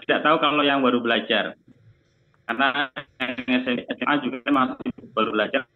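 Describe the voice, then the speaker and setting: A man's voice: mid-range voice, fairly even intonation, brisk. Man on a crackly, cutting-out phone line. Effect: crackly phone-like line that keeps cutting out. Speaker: religious teacher answering committee questions. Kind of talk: online meeting Q&A. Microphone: video call. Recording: tinny, breaking-up phone-like call audio.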